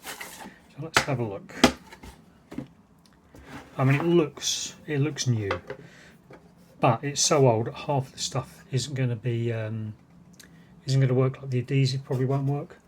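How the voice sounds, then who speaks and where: Heavy background noise surrounds this British vlogger's mid-range voice as he rambles through a casual, unscripted look at vintage cassette gear. He keeps a measured pace broken by long pauses.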